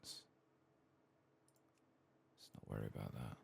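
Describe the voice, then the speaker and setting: A man with a gravelly, husky voice hosts a video game playthrough for an ASMR channel, speaking softly and unhurriedly, murmuring and sometimes drifting into whispers as he reads quests aloud. There is slight background noise.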